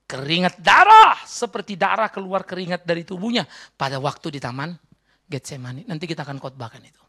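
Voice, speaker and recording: A man pastor preaching a sermon, emphatic, swinging between soft asides and loud exhortation. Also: fairly high pitch, slightly rough.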